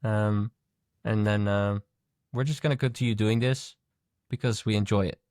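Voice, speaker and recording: A man's voice: on the low side, steady tone, moderate pace, darkish tone, smooth, no room sound, studio quality. A man co-hosting a podcast in casual chat, thoughtful and musing as he talks. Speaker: podcast co-host.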